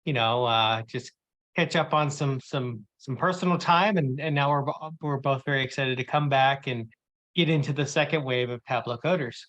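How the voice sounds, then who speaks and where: Co-hosting a user group session on a video call, a man chats and teases with plenty of fillers during a casual presentation. His voice is medium-pitched and fairly bright at normal speed, coming through muffled, lo-fi call audio.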